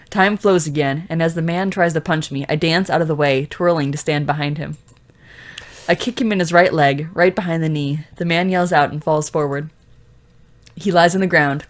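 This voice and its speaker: Giggly low-voiced woman narrating a game. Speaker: co-host playing a story game. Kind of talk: first-person game narration and casual chat.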